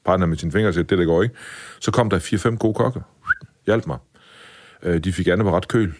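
A man in his fifties, a chef and interview guest, telling stories casually in a lively, blunt way with some mild swearing. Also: low-pitched, a little hiss or hum. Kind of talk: casual storytelling in a podcast interview.

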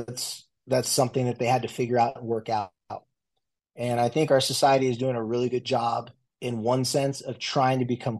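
In a casual interview, a guest family and marriage therapist in his forties speaks loosely, restarting and using fillers frequently. His voice is mid-range and a little mellow.

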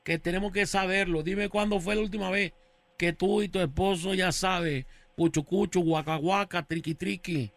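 Guy playing a preachy healer, brother-and-sister talk, gravelly high voice, dry studio sound, comedy radio sketch. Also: fairly even intonation, normal speed, no echo. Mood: soothing. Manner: calls everyone brother and sister, chants incantations. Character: grandiose male faith healer, theatrical preacher.

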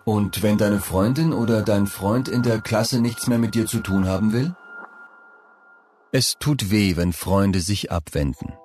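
A man narrating scripted advice for young people, speaking calmly and addressing the listener directly. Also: lowish voice, a little slow, a little hiss or hum. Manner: calm, direct second-person advice.

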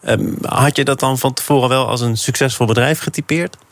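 A man's voice: mid-range voice, creaky, fairly bright tone, no echo. A man hosting a finance interview, asking pointed questions and steering the conversation between guests. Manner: brisk, probing questions. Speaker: host.

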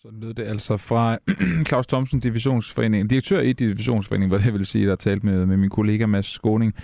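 Male radio host, gravelly and dry, halting questions. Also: lowish voice, fairly even intonation, mellow, no echo. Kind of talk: radio talk show hosting.

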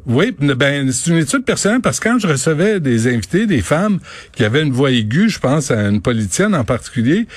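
A man's voice: on the high side, sing-song, fairly quick, dry recording. A man with a Quebec French accent, hosting a radio show in casual, joking banter. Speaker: radio host.

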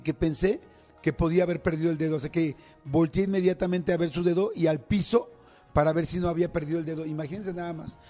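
A middle-aged man with a Mexican Spanish accent, hosting a show and chatting casually as he tells listeners a story, acting out the voices and screams. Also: fairly high pitch. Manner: chatty, animated, acts out screams and quotes. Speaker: radio show host.

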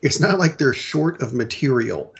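A middle-aged man co-hosting a casual podcast, rambling and correcting himself, clearing his throat often. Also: medium pitch, lively intonation, normal speed, lo-fi sound. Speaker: podcast co-host. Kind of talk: casual chat about comic book films and shows.

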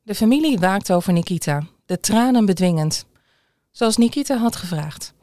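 A woman reading a news feature aloud in a calm, measured scripted narration. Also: medium pitch, no room sound, clean studio sound. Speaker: newsreader.

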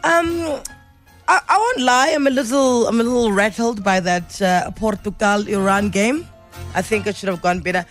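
A woman talks over a music bed as a breakfast radio host. Her banter is casual, playful and teasing, at a middle pitch. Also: normal speed.

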